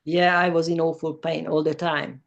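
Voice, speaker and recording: A woman's voice: low-pitched, flat delivery, normal speed, vocal fry, highs cut off. A woman, an English speaker who talks in careful, simple sentences as an interview guest. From former Yugoslavia. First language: Hungarian. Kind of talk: personal testimony in an interview.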